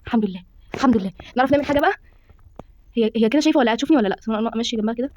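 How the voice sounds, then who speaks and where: Fast-talking Egyptian woman gamer. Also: on the high side, lo-fi sound, slight background noise. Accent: Egyptian Arabic. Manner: excitable, dramatic exclamations to viewers. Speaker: gaming streamer. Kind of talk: horror game commentary.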